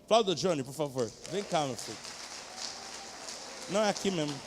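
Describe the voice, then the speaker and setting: A man preaching a sermon from a church stage in a lively, colloquial way, speaking directly to the congregation. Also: on the high side, fairly quick, noisy background. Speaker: pastor. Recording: echoey church hall.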